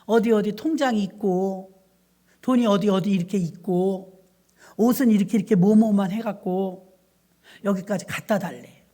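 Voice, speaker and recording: In a medium-pitched voice, a middle-aged woman pastor tells church anecdotes during a sermon, lively and conversational, briefly voicing the people in her stories.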